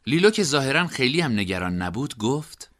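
A man narrating an audiobook in an expressive storytelling manner. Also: mid-range voice.

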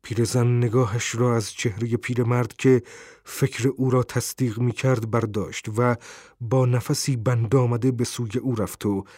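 A man narrating an audiobook in a measured, even storytelling way. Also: mid-range voice, breathy edge, no echo, studio quality.

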